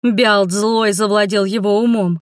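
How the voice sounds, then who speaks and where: A woman's voice: mid-range voice, steady tone, measured pace, no echo, studio quality, close to an everyday voice. A woman voicing a chatty, kindly older townswoman who exclaims dramatically, in an audiobook reading. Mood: gossipy.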